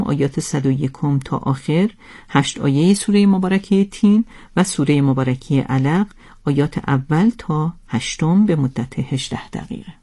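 A radio announcer reads a program schedule in a formal, measured way. The tone is mellow and dark. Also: mid-range voice.

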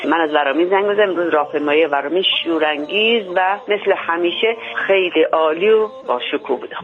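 A man calling in to a radio show, speaking fervently. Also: a little high. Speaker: caller. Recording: phone line with music behind.

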